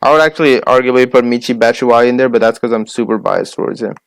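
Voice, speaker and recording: Young male podcast co-host, smooth clear voice, dry close sound, rattles off names. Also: medium pitch, dry recording. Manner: listing names quickly, argumentative. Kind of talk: casual sports chat.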